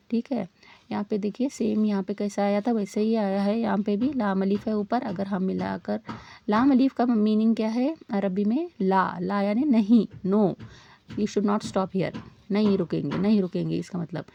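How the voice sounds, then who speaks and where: A woman teaching Quran recitation in a patient step-by-step lesson, repeating each rule and pausing to ask her learners questions. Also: mid-range voice, vocal fry, no room sound, muffled recording. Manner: slows down to model Arabic sounds.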